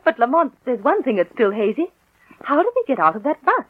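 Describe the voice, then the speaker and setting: An actress playing a detective's spirited female companion in an old-time radio drama, expressive and articulate. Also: high voice, a little fast, husky, exaggerated voice. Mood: curious, reflective. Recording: dull old radio recording.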